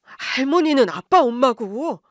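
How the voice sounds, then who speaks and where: A woman's voice: high voice, lively intonation, measured pace, dry recording, pitched above the performer's own voice. A woman voicing an earnest young adult son, pleading in a raised voice, dry recording. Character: young adult son defending his girlfriend.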